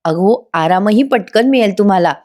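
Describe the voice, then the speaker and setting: A woman's voice: medium pitch, animated, normal speed, dark tone, lightly acted. A woman voicing a caring young wife who coaxes her husband in a retold serial scene. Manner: concerned, coaxing.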